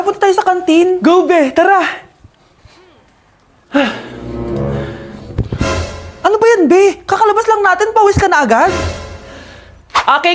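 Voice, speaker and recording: A woman performing a comedy sketch, switching between several classroom characters. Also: very high voice. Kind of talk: skit acting.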